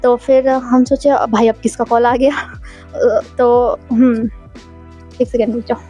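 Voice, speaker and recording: A young woman telling a story in a chatty, animated vlog style. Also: a little high, slow pace, faint music behind. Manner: animated, chatty, acts out quoted lines. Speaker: vlogger.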